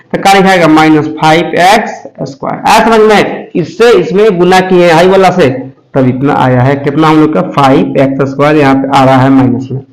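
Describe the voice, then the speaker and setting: High-voiced tutor guy, slow board math explaining, keeps asking if u got it. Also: rough recording. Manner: slow, repetitive explaining with frequent check-ins. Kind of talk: blackboard math lesson. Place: coaching class.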